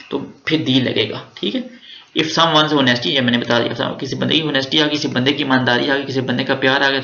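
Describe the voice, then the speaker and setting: Pakistani-accented male teacher, chatty exam-prep lecturer with jokes, gravelly edge, echoey dull recording. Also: mid-range voice, pushed and bright. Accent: Pakistani Urdu with Punjabi touches. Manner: chatty, explains step by step, joking asides.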